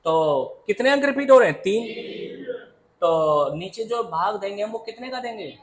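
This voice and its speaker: A man teaching a math lesson in a classroom, lively and always asking the students to answer aloud, calling them "beta". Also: high voice, normal speed, slight background noise. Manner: calls students "beta" and "babu".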